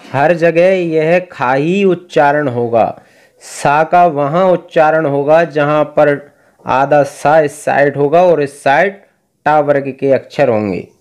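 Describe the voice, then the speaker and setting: A man teaching Vedic recitation, explaining pronunciation and chanting verses in slow, drawn-out tones. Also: on the high side, darkish tone, smooth. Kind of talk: recitation lesson.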